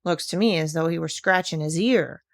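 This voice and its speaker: A woman playing a mild, principled gentleman doctor, curious and polite with old-fashioned exclamations. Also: low voice, fairly quick, vocal fry, dry recording. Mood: skeptical.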